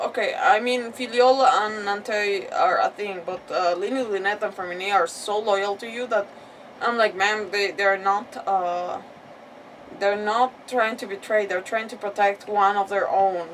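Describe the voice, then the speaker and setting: In an unhurried, mid-range voice, a woman chats her way through a live gameplay stream, rambling and bickering with the on-screen characters. The recording picks her up from a slightly distant mic over faint background noise.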